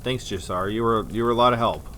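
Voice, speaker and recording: A man's voice: mid-range voice, fast, bright, forceful tone, slight background noise. A man giving casual, wry commentary while playing a video game. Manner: offhand, wry. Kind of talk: casual let's-play commentary.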